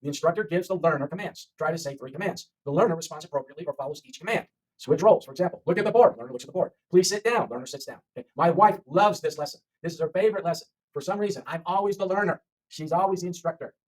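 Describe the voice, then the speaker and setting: A man's voice: fairly high pitch, very fast, far from the mic, rough recording. A man teaching an online English lesson, talking to learners with lots of repetition and frequent "okay?" checks.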